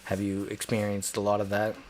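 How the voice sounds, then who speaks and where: Male stream host, lowish voice, loose self-mocking chatter, faint hiss behind. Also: monotone, brisk, a little mellow. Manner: rambling, joking, self-deprecating. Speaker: livestream host. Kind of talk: casual chat.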